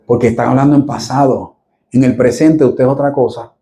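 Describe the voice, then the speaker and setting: A man's voice: mid-range voice, a little fast. A middle-aged man, preaching a sermon to a church and speaking straight to his listeners with humor. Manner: lively, jokes with the congregation, addresses listeners directly.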